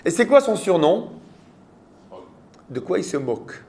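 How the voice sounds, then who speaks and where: Man, French accent, rabbi lecturing a class, rhetorical questions, fairly high voice. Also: very animated, unhurried, a little mellow, a little hiss or hum. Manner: quizzes students with rhetorical questions.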